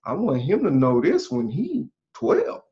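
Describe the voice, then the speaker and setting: A man's voice: fairly high pitch, huge pitch swings, a little slow, mellow. A forty-year-old man co-hosting a podcast, speaking earnestly in casual conversation and thinking aloud as he goes. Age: 40s. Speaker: podcast co-host. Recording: dull lo-fi sound.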